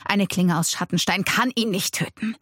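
Woman reading desperate male warrior, forceful and pleading, raised voice, dry sound, storybook. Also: mid-range voice, moderate pace, no echo, close to an everyday voice. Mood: urgent.

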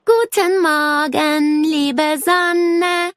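A woman voicing a little girl in a children's storybook, high and childlike. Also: very animated, moderate pace, a bit bright, faint music behind, full character voice. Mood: singing. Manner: high childlike voice, shrill when upset. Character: little girl Nele, indignant and eager.

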